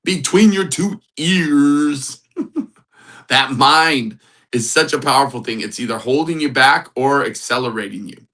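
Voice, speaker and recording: Bright, upbeat male livestream host. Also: mid-range voice, unhurried, poor audio. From United States. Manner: upbeat, greets chat viewers by name, frequent chuckles; repetitive, motivational phrasing. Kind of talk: casual live-stream talk to viewers.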